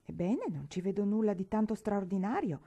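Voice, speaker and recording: A woman's voice: mid-range voice, lively intonation, normal speed, dark tone, highs cut off. A woman voicing an earnest eighteen-year-old girl who insists on proving herself, in a read-aloud novel. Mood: earnest pleading.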